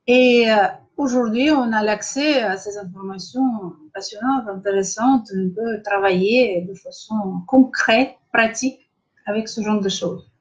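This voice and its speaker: A middle-aged Russian woman with a Russian accent hosting a live-streamed masterclass, speaking French hesitantly with many filler pauses and greeting viewers by name. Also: mid-range voice, dull audio. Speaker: online masterclass host.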